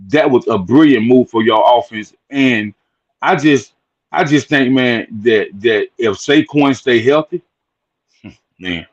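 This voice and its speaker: A man's voice: mid-range voice, muffled recording. A man who is a guest on a casual sports chat, talking emphatically and repeating words as he builds his points.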